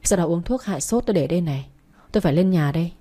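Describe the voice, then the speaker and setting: A woman voicing a caring young man who speaks softly, in a storybook reading. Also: on the low side, lively intonation, rapid-fire. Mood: gentle. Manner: soft, hushed. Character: gentle young man, a caring master's son.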